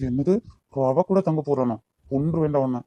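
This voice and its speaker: A man's voice: mid-range voice, normal speed, dark tone, no room sound, dull audio, lightly acted. A man voicing a jealous, bossy young man in a cartoon, with a Kanyakumari Tamil accent. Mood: grumbling. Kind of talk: amateur cartoon voice acting.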